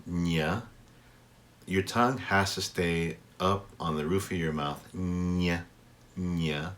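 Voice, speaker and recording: A man giving a language pronunciation lesson as a teacher, with measured, instructive delivery and deliberately enunciated example words. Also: sits low, a bit bright.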